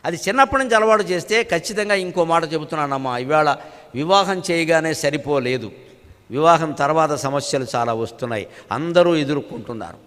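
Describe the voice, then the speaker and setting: Older guy preaching, high voice, chants verses slow then chats about them, big echoey hall. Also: lively intonation, fairly bright tone. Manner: chants Telugu verses slowly, then explains in conversational asides. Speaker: spiritual lecturer. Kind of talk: religious discourse with chanted verses. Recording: long hall reverb.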